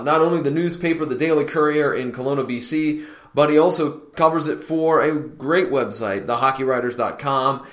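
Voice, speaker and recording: An upbeat, chatty man hosts a podcast and talks straight to his listeners. His voice sits at a middle pitch. He records at home on a laptop setup in a room stripped almost bare, so every word rings with a loud, hall-like echo. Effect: echo of a near-empty room, like a hall. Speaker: podcast host. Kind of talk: casual podcast intro. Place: near-empty home room being remodeled.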